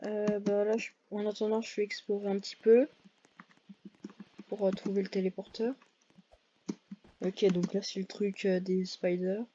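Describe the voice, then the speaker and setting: A woman's voice: medium pitch, mellow, muffled recording, slight background noise. A woman giving casual, hesitant commentary over her gameplay, full of fillers and self-corrections. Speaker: gaming video creator.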